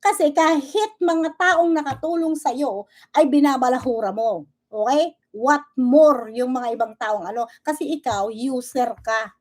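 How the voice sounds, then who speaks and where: A woman's voice: high-pitched, unhurried, hardly any pauses, darkish tone. A woman vlogger delivering an angry reaction rant, switching between Tagalog and English and constantly prodding with "okay?" and "ha?". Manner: confrontational, keeps asking "okay?" and "ha?".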